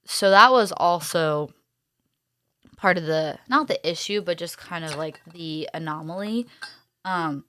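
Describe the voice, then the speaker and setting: A young woman in her twenties casually telling a personal story, chatty and animated, often saying "like" and acting out what she and others said. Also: fairly low pitch, unhurried, no echo. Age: 20s. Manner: chatty, heavy use of "like", animated quoting of herself. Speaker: young mother sharing her birth story.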